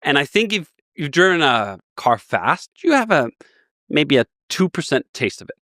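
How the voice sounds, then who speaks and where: Man in his 40s from Denmark, bright tense voice, dry close sound; an eager storyteller rambling through an interview. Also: fairly high pitch, very animated, moderate pace, dry recording. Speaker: guest. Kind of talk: casual interview talk.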